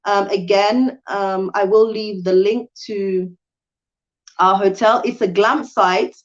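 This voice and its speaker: A woman's voice: medium pitch, fairly even intonation, slow. Chatty woman on a muffled livestream. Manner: chatty, with frequent ums and restarts. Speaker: channel host and hotel owner. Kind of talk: live stream Q&A talk.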